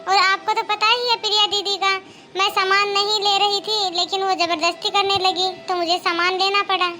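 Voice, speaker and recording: Woman as meek cartoon daughter-in-law: high, bright, polite, pleading. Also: flat delivery, moderate pace, soft background music. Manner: polite, pleading, soft-spoken. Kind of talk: cartoon moral-story dialogue.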